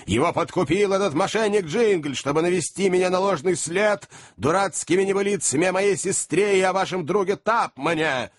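A man voicing a stout, hot-tempered old male host who bellows and rages, with a husky voice. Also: sits high, moderate pace, hardly any pauses, pitched above the performer's own voice. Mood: raging. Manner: bellowing, furious.

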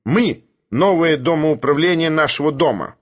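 A combative committee chairman presses his demands in a raised, higher voice, as a man reading aloud plays him. The voice is husky and the delivery pushy and indignant, held in barely restrained anger. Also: sing-song, moderate pace. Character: resentful male house-committee chairman, combative. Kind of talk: audiobook character voice.

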